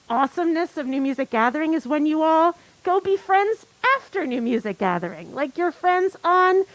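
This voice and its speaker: A high-pitched woman gives event announcements in a bubbly, rambling way, often laughing at herself. Her voice sounds dry and close, with no room around it. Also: no room sound, poor audio. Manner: bubbly, rambling, self-deprecating. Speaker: event organizer. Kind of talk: conference announcements.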